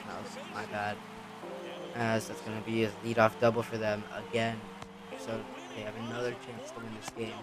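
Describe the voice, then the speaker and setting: A man giving excitable let's-play commentary on a baseball video game, talking back at the game and pleading with players. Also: fairly low pitch. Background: background music.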